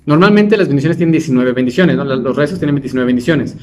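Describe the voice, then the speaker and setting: A man with a medium-pitched, darkish voice leads an informal Torah class at a quick pace, talking conversationally and quizzing his listeners. He restarts often, and there's a little hiss or hum.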